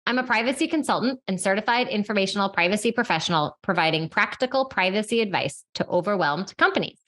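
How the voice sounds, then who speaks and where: A woman's voice: medium pitch, lively intonation, fast, fairly bright tone. A woman hosting a podcast, moving between scripted lines and casual chat. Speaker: podcast host, privacy consultant.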